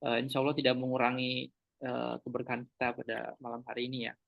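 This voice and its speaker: A man's voice: mid-range voice, completely flat delivery, fast, vocal fry, lo-fi sound. A man moderating an online question session, polite and formal as he invites questions. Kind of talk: hosting an online Q&A.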